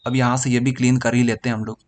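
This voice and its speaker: A male physics teacher with a Hindi-speaking Indian accent giving a classroom lecture, slowly repeating each point and checking that students follow. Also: medium pitch, little pitch movement, darkish tone. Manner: repetitive, explains each step slowly and checks understanding.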